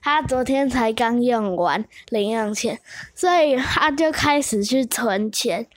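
Young female, highish voice, casual simple storyteller, close dry recording. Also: measured pace, dry recording. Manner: simple, step-by-step phrasing.

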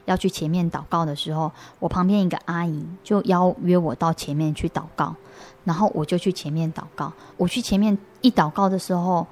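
A young adult woman, an interview guest giving an earnest personal faith testimony, halting and restarting her sentences often. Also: on the low side, darkish tone.

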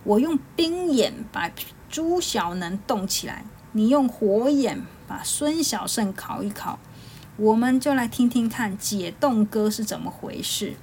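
A woman voicing a proud young male warrior who taunts his rivals slowly and doubtfully. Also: fairly high pitch, expressive, a little mellow, slight background noise. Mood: taunting.

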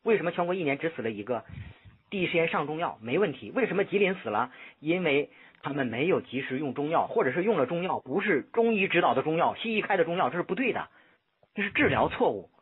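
Caller: rapid, husky man on a landline phone, lecturing and insistent. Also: a little high, lively intonation. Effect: heard over a landline phone line. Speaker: caller seeking help. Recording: tinny phone line, husky.

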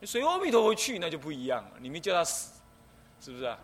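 A middle-aged Buddhist abbot from Taiwan lectures on the precepts, explaining step by step in a fairly high, fast voice. He is lively and acts out things people might say, with faint background noise in the recording.

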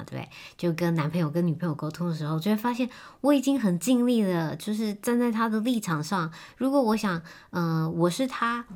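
A woman giving a gentle, explanatory self-help talk on relationships, with many fillers and soft trailing endings. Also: low-pitched. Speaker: speaker on relationships.

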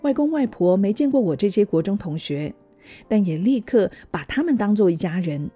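Husky-voiced woman storyteller. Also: mid-range voice, normal speed, faint music behind. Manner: gentle, even storytelling. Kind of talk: scripted storybook narration.

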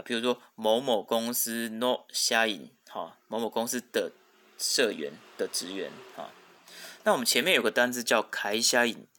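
A male teacher, talking at an unhurried, measured pace. His tone is bright and forward, and he patiently goes through vocabulary, repeating every term twice and filling pauses with short affirmations. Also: medium pitch. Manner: patient, repeats each word twice, frequent "hao" fillers. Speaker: Japanese language teacher. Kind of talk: podcast vocabulary lesson.

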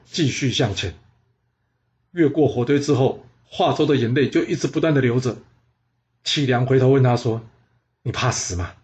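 A man narrating a historical story in a lively, dramatic way. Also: mid-range voice.

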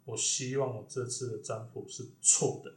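A man's voice: medium pitch, normal speed. Man telling a story in a roomy space. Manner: animated, lively retelling with quoted exclamations. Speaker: diviner and podcast host. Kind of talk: casual storytelling chat.

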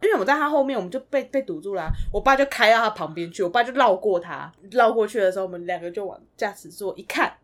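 A young woman with a Taiwanese Mandarin accent, a podcast co-host telling stories in casual chat, animated and cursing, slipping into Hokkien. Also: medium pitch, quick pace, hardly any pauses. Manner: animated, swears, slips into Hokkien.

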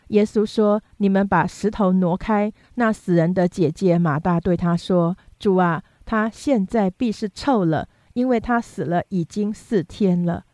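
A woman reading scripture aloud in a steady, measured way. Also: medium pitch, no echo. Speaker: Bible reader.

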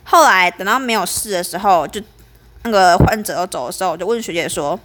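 A woman's voice: lowish voice, brisk, a bit bright. A young woman, telling a story as a podcast host in a chatty, aggrieved way.

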